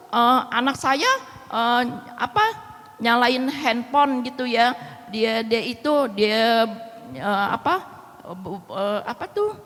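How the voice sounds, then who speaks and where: A middle-aged woman gives a halting personal testimony to a church group, full of fillers and restarts, and acts out the words of family members. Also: fairly high pitch, a bit bright. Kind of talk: personal testimony in casual speech. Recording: long hall reverb.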